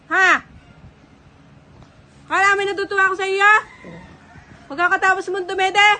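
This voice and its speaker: A woman's voice: very high voice, flat delivery, moderate pace, pushed and bright. A mother in a casual family vlog, playfully pretending to be angry as she scolds her small children.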